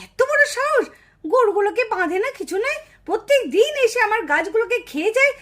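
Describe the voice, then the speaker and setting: A woman puts on a quarrelsome village mother with a piercing, very high voice, always ready to pick a fight. She scolds and complains loudly, her words sharp and insistent. It is pure doll-show drama. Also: animated, fairly quick. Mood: indignant. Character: shrill quarrelsome village mother, easily enraged.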